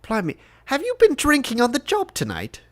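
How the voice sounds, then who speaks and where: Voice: huge pitch swings, normal speed, a bit bright, exaggerated voice. A game master voicing a grumpy male nobleman roused at night, irritable and prone to exclaiming. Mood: irritated. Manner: irritable, exclaiming, pitch leaping high. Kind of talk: tabletop role-play voice acting.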